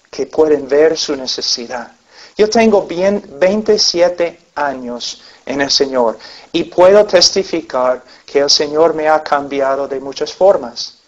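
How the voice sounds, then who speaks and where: A man's voice: fairly high pitch, takes it slowly. A man preaching a sermon to a congregation, telling stories earnestly and acting out the people in them, on a dull lo-fi recording. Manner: earnest storytelling with acted-out voices.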